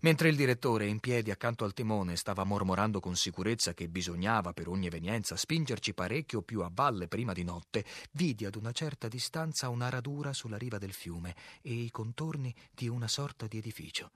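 Brief: male audiobook narrator, low voice, measured reading, dry close mic. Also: lively intonation, a bit bright, dry recording. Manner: measured, clear literary reading, acting out quoted lines.

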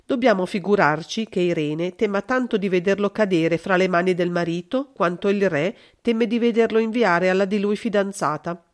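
A woman reading a classic novel aloud as scripted narration, in an even, measured way. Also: mid-range voice. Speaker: audiobook reader.

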